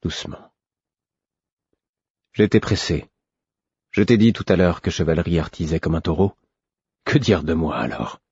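A man voicing a weary, gruff royal man who speaks low and tired but stays kindly. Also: lively intonation, normal speed, long pauses, a little mellow, dry recording, lo-fi sound, heavily acted.

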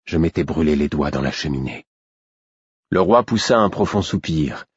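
Deep-voiced male audiobook narrator. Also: lively intonation, moderate pace, slightly rough, dry recording. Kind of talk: scripted first-person fantasy narration. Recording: dull, muffled audiobook sound.

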